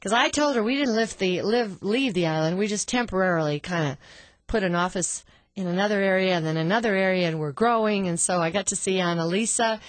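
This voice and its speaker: A woman's voice: medium pitch, fairly quick, dry recording. A woman hosting a radio talk show, chatty and effusive in her praise of her guest. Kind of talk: casual radio interview.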